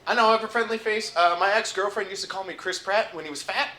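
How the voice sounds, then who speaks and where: A young man doing stand-up in a resort comedy club, his voice high and bright over the roomy stage mic. He shifts from dry, deadpan asides to loud punchlines. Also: fast. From upstate New York.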